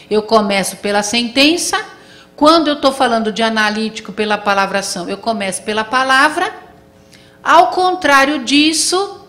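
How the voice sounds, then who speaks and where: A woman's voice: on the high side, bright, forceful tone. A woman lecturing to a live audience, explaining step by step and often checking in with her listeners. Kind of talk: classroom lecture.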